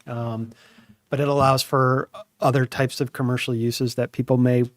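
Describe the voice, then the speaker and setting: A man on city staff calmly explaining a zoning change to a council, with many fillers. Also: medium pitch, normal speed, dry recording, clean studio sound. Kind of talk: explaining policy at a council meeting.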